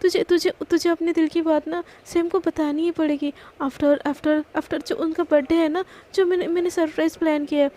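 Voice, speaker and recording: Shy lovestruck young woman read by a woman, high and stammering, anxious. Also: level tone, moderate pace, hardly any pauses, dark tone. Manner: stammering, anxious self-talk.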